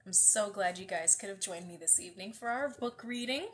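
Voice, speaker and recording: A fairly quick, mid-range female voice, slightly nasal and congested, belongs to a US West Coast woman hosting a live book reading. She chats casually with viewers and greets them, full of fillers and restarts.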